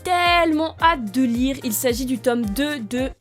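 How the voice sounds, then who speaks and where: A young woman chats to camera about books, excitable and full of fillers and restarts. Her voice sits a little high. Soft music plays quietly behind her. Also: unhurried. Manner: chatty and excitable, with many fillers. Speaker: book vlogger. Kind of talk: casual chat to camera.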